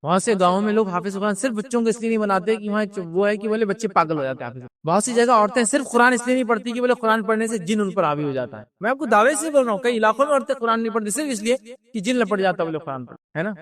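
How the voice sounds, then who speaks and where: Man giving an animated religious lecture. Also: sits high, racing. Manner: explanatory, repeats key points, animated retelling. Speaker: Islamic speaker.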